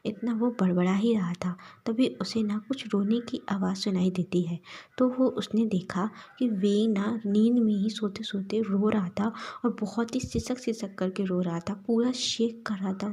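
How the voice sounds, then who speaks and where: A woman reading fan fiction aloud in a halting manner, often repeating words. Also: medium pitch, warm tone. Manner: halting, repeats words, breathy half-whisper. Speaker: storyteller.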